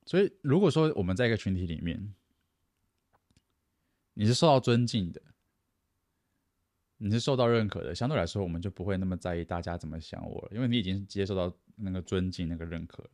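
A man's voice: deep voice, expressive, a little fast, long pauses, a little mellow, no room sound, studio quality. A man giving casual advice, chatty, acting out boastful people and laughing at himself. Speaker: self-help speaker.

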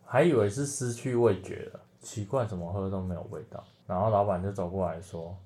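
A man co-hosting a podcast, telling short jokes in a dry, low-key way. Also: a little fast, warm tone. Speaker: podcast co-host.

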